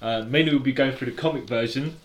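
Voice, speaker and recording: A man's voice: medium pitch, quick pace, a little hiss or hum. A man co-hosting a podcast, explaining at length in casual chat with lots of restarts and fillers. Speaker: podcast co-host.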